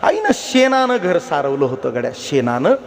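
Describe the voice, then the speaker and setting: A man's voice: a little high, sing-song, normal speed, vocal fry, a little hiss or hum. A man preaching a devotional kirtan sermon, telling a story, repeatedly urging his listeners to listen and acting out the characters' voices. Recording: long reverberant hall.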